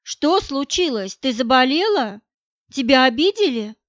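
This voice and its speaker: A woman's voice: high voice, sing-song, a little slow, a bit bright, dry recording, heavily acted. A woman voicing a worried, insistent middle-aged mother who presses with questions, in a dull, dry recording.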